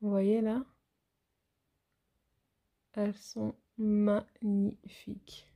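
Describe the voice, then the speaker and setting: A woman talks through a beauty haul in a loose, chatty way. She pauses often on fillers and keeps turning to address her viewers directly. Her voice carries a noticeable gravelly fry and sits at an ordinary middle pitch. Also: monotone, dark tone. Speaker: nail educator. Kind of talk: casual product haul vlog.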